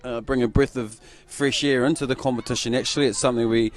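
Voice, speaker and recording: A man's voice: medium pitch, steady tone, quick pace. A man with a broad New Zealand accent giving casual rugby analysis outdoors, speaking in a hesitant, matey way. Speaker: rugby co-commentator. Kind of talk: casual live sports analysis. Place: outdoors at a sports ground.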